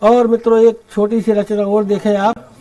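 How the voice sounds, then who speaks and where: A man with a very high voice performs comic verse for a room of listeners at a poetry gathering. He is theatrical and says each punchline twice to let it land. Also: level tone, normal speed, warm tone, highs cut off. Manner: theatrical, repeats punchlines for effect. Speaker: poet reciting at a poetry gathering. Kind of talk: humorous poetry recitation.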